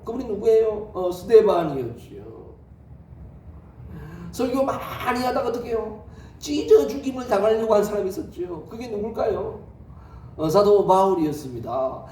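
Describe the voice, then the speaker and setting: High, lively pastor preaching. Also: male voice. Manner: lively storytelling with rhetorical questions. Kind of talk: sermon. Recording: echoey hall, distant mic, faint noise.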